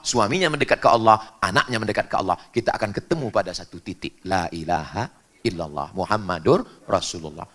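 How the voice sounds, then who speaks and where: A man from Indonesia preaching a lively sermon to a congregation, jumping up in pitch for emphasis and jokes. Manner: animated, jumps high in pitch for emphasis and jokes.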